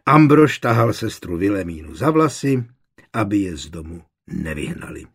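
Husky male audiobook narrator. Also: fairly low pitch, big pitch swings. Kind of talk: scripted narration.

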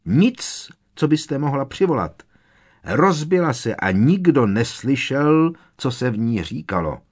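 A man voicing a defiant teenage boy wizard who shouts back at his foe. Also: medium pitch, very animated, slightly rough, voice pushed up.

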